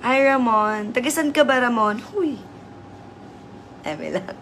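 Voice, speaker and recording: A hoarse woman hosting a casual livestream, chatty and teasing as she greets viewers. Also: fairly high pitch, sing-song, slow pace, a bit bright, a little hiss or hum. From Southern Leyte, Philippines. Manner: chatty, teasing, laughs often. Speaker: livestream host.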